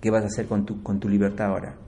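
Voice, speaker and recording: A man preaching a sermon, shifting between loud emphatic lines and quiet asides and often asking his listeners direct questions. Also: on the low side, completely flat delivery, very fast, slight background noise.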